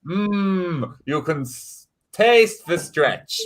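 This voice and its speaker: A man's voice: high voice, lively intonation, extremely slow, exaggerated voice. A man playing an eccentric foreign sous chef in broken English, presenting on a spoof shopping channel. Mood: proud, relishing.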